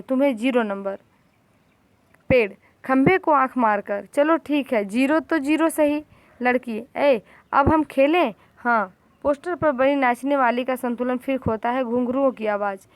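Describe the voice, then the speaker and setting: A woman's voice: fairly high pitch, no echo. Woman reading a class play aloud. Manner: reads the play aloud, giving each character's line in turn. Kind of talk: classroom reading of a play, voicing each part.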